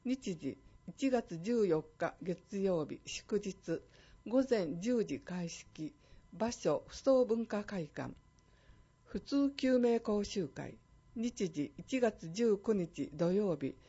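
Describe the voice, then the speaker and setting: Woman announcer, scripted public notice, mellow tone, slightly muffled recording. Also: medium pitch, expressive. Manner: clear, measured reading of safety tips. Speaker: fire department announcer.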